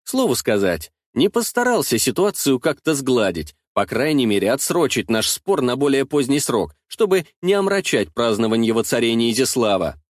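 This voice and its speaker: A male narrator reads a first-person historical audiobook in an expressive storytelling manner. His mid-pitched voice rises and falls a great deal, and the close studio recording is completely dry. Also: normal speed, hardly any pauses, no room sound.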